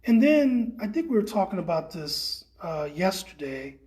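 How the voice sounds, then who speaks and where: A man guiding a live tour through an indoor art exhibit, talking in a relaxed, rambling way with many fillers. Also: sits high, moderate pace. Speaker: tour guide. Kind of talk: casual guided gallery tour.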